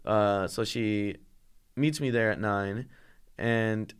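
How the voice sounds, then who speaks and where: Foul-mouthed young man, smooth voice. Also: lowish voice, fairly even intonation, slow. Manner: swears freely, laughs through stories. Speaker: podcast co-host. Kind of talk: casual chat.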